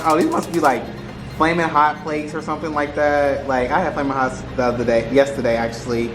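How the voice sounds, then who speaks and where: A man talking casually to camera in slangy, rambling speech, repeating phrases for emphasis as he gives advice. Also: on the high side. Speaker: vlogger giving relationship advice. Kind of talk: casual mukbang chat to camera. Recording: roomy echo with music behind. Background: music.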